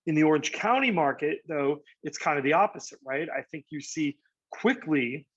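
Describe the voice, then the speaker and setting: A man's voice: a little high, lively intonation, normal speed, husky, no room sound. Man casually walking through market charts. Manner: conversational, frequent fillers and "right?" asides. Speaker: real estate agent giving a market update. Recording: dry, slightly dull lo-fi audio.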